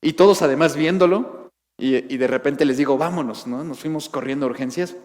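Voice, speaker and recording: Preacher in an echoing church. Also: male voice, a little high, a little fast, darkish tone. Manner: emotional storytelling, many restarts. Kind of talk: sermon. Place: church sanctuary. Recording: reverberant church hall.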